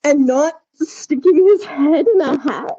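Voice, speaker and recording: A podcast co-host chats casually, rambling informally. Her voice is high-pitched and warm, and she speaks slowly. The recording is dry and slightly dull.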